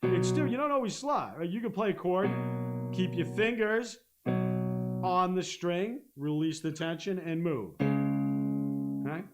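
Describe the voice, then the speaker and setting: A man with a fairly high voice leads a live-streamed guitar lesson. He breaks each part down patiently, often checks in with "okay?" and hums the rhythms. Loud guitar playing runs underneath his voice. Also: expressive, measured pace, long pauses. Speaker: guitar teacher. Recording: guitar playing loudly behind. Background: guitar playing and looper.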